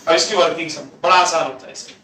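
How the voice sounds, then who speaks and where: A man's voice: on the high side, steady tone, quick pace, sharp tone, recorded from a distance. A man teaching a classroom lecture, mixing Hindi with English terms and quizzing the class with questions he answers himself. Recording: echoey room, voice off-mic, faint hum.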